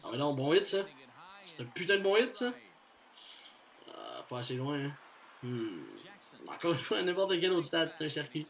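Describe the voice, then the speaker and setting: A man with a Quebec French accent doing casual commentary over a baseball video game he is playing, excitable, swinging between low muttering and loud cheering, cursing often and dropping English phrases. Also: normal speed, long pauses, poor audio. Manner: curses often.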